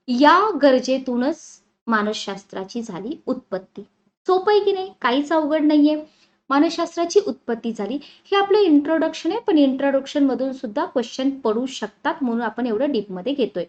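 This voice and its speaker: A woman's voice: high voice, darkish tone, dull audio. A woman teacher giving an exam-prep lecture. She talks in a conversational way and keeps asking the class questions.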